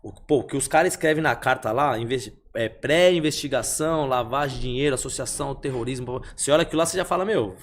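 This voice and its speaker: Animated São man telling a story. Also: medium pitch, fast, hardly any pauses, slight background noise. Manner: animated, repeats phrases, acts out the dialogue. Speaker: podcast guest. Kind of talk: casual storytelling in a podcast chat.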